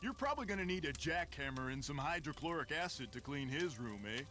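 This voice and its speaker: An actor playing a folksy, boastful middle-aged construction worker in a mystery game, with a Canadian accent. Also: male voice, on the high side, animated, quick pace, over loud music, close to an everyday voice. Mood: jovial. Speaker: game character.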